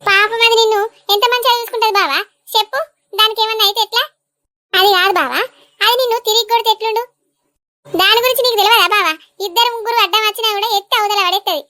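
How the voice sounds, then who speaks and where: A bossy village woman in a cartoon who scolds in Telangana Telugu, as a woman voices her. The voice is very high and bright, recorded close and dry. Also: fast, no room sound. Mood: scolding. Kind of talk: animated comedy voice acting.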